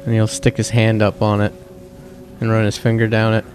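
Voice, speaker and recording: A man playing a character in a tabletop game, talking in an expressive, playful way. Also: lowish voice, a little fast, music in the background. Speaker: player. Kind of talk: casual tabletop play.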